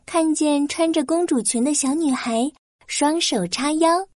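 High-pitched woman narrating a children's story. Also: unhurried, darkish tone, no room sound, clean studio sound.

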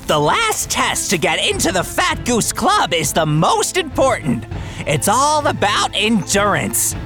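A woman's voice: mid-range voice, huge pitch swings, unhurried, a bit bright, soft background music. A woman voicing a smug, bossy adult male goose who leads a club in a cartoon, blustering and cackling. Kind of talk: cartoon voice acting.

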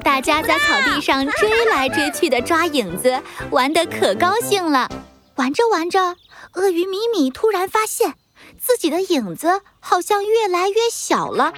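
A woman's voice: very high-pitched, big pitch swings, a little slow, a bit bright. A woman narrating a children's story as the storyteller. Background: music.

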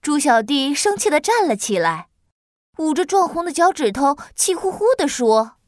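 Woman storyteller, kids' tale, lively sing-song voice, dry close sound. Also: sits high, normal speed, dry recording. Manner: lilting, expressive storytelling. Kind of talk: children's story narration.

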